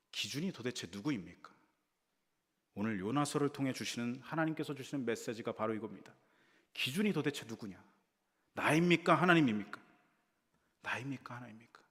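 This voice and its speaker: A man's voice: fairly low pitch, fairly bright tone. A male associate pastor preaching a sermon in a church, telling the story expressively and addressing the congregation. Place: church sanctuary. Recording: reverberant church hall.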